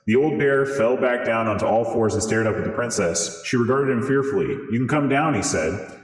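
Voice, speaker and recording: A man reading a fairy tale aloud through a voice changer that morphs his voice, in steady storybook narration. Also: mid-range voice, a little fast. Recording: roomy with long reverb.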